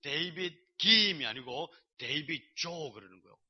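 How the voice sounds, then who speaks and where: Male pastor, sermon, lively storytelling, fairly high voice, dull lo-fi recording. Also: moderate pace, slightly rough. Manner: animated storytelling, acting out dialogue.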